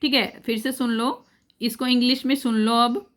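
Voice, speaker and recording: A woman teaching a grammar lesson, explaining each rule step by step, repeating it and checking that her students follow, and reading the English rules slowly. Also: on the high side, fairly even intonation. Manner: mixes in English phrases, reads English rules slowly.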